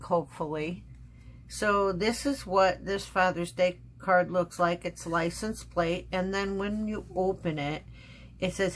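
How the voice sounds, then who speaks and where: American woman, craft vlog host, slow rambling delivery, lower voice, lots of restarts. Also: a little hiss or hum. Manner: rambling, frequent ums and restarts; frustrated, complaining.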